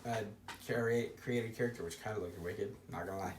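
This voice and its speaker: A young man co-hosting a casual gaming chat, telling lively stories and laughing often. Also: fairly low pitch, a little fast. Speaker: podcast co-host. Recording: roomy echo, faint noise.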